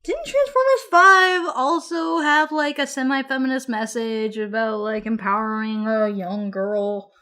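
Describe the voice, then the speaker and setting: A woman's voice: a little high, unhurried, few pauses, pushed and bright, clear, resonant tone. A woman podcast co-host in a heated casual debate, blunt, sweary and argumentative, with a giggly, tipsy manner.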